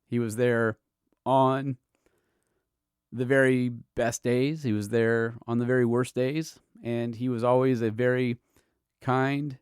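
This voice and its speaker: A middle-aged man and podcast host, from Southern California, sharing fond, halting memories in a personal tribute, with soft laughs between thoughts. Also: mid-range voice, little pitch movement, clean tone, no room sound, studio quality. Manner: halting, tender, fond laughs while reminiscing. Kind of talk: personal tribute, emotional storytelling.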